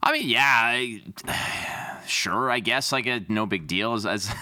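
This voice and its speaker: A man's voice: fairly low pitch, takes it slowly, pushed and bright, no echo, heavily acted. A man playing a nervous, rambling male job applicant in a comedy sketch at a villain empire's hiring office. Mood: hesitant. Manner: rambling, hesitant and joking.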